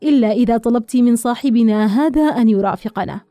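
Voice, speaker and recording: A woman voicing a sly young man who speaks softly and knowingly. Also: a little high, fast, no echo, studio quality, soft background music, lightly acted. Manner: soft, knowing, chuckling.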